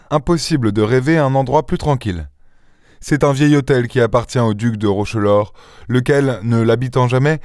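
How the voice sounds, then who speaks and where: A man reading an audiobook, voicing a playful, mocking gentleman thief who speaks with mock affection. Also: mid-range voice, dry recording, studio quality, natural voice. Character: charming teasing gentleman thief, young man. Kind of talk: audiobook character voice.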